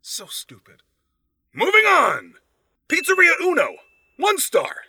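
A man's voice: very high voice, wildly swooping pitch, takes it slowly, pushed and bright, no room sound. A man hosting a podcast, giving sarcastic, profane comedic commentary while reading reviews aloud. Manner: sarcastic, swears freely. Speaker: podcast host.

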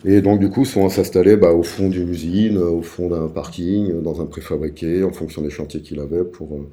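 A man in his forties from the Paris suburbs, telling his life story as an interview guest, halting often with fillers and restarts. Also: low voice, steady tone, warm tone. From Paris suburbs, France. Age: 40s. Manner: hesitant, many fillers and restarts.

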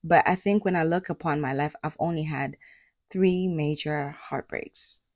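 Groggy low-voiced woman podcaster, chatty. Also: a little slow, no echo, studio quality. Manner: chatty, animated, laughs often. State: groggy morning voice. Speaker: podcast host. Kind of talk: casual faith podcast monologue.

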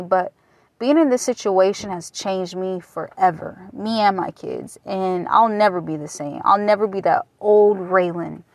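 A woman in her late twenties from Michigan hosts her own podcast in a loose, candid monologue. She rambles and swears casually. Her voice sits at a middling pitch and sounds dry and close, with no room around it. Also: no echo. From Michigan, USA. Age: late 20s. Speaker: podcast host. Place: waiting at a taco shop.

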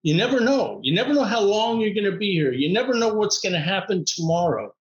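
A man with a fairly high voice tells his story in an upbeat, animated way and laughs often. He speaks as a guest in conversation. The room sounds echoey. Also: fast talker, highs cut off. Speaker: podcast guest, motivational speaker.

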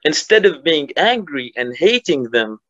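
A man in his twenties, a footballer and guest, talking calmly and reflectively in a casual interview. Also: fairly high pitch, unhurried, dull audio. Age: 20s. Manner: calm, reflective, motivational.

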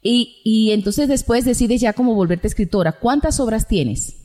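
A woman's voice: fairly high pitch, expressive, normal speed, warm tone. A woman from the Dominican Republic who hosts a radio interview show, asking friendly questions to draw out her guest.

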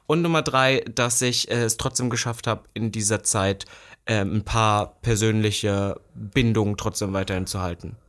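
A man's voice: lowish voice, moderate pace, fairly bright tone. A man co-hosting a podcast in casual chat, with dry, crude teasing remarks. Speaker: podcast co-host.

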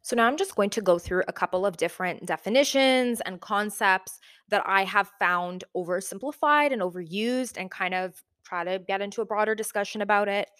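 A woman's voice: mid-range voice, a little fast, hardly any pauses, a bit bright, clear, resonant tone. A woman hosting a casual commentary video, chatty with frequent fillers and restarts, recorded in a large, half-furnished room that sounds echoey. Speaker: video host. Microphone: new microphone.

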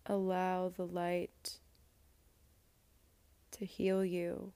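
A woman leads a guided meditation, speaking unusually slowly with long soothing pauses. Her voice sits low and stays level, with little rise and fall. The sound is close and dry. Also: monotone, clear, resonant tone, no room sound. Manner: slow, soft, soothing delivery with long pauses.

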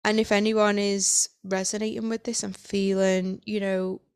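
Woman, 30s, podcast host; smooth, resonant voice, candid and halting delivery. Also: medium pitch, level tone, a little mellow. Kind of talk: personal podcast monologue.

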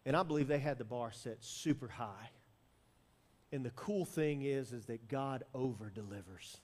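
A male pastor preaching a sermon and telling a personal story, swinging between loud, emphatic bursts and hushed asides. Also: high voice, big-room sound.

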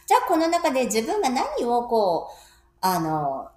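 A woman's voice: on the high side, wildly swooping pitch, normal speed, darkish tone, reverberant. A middle-aged woman co-hosting a casual chat, talking loosely with many fillers and frequent laughs. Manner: chatty, laughs often, trails off with fillers. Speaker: podcast co-host.

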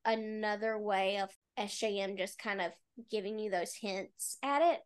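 A woman's voice: mid-range voice, moderate pace, smooth. A woman co-hosting a book podcast, chatting casually about a novel and often dropping "like" as she talks. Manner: chatty, with frequent "like" fillers.

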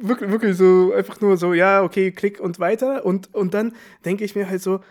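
A man's voice: sits high, steady tone, moderate pace, a little mellow. A young man co-hosting a podcast, chatting casually and telling wry anecdotes, often laughing. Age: young adult. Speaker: podcast co-host. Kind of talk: casual chat.

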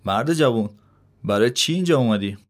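A man voicing a cheerful, teasing elderly gardener with a raised, lively delivery in a spoken story. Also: medium pitch, natural voice. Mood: friendly.

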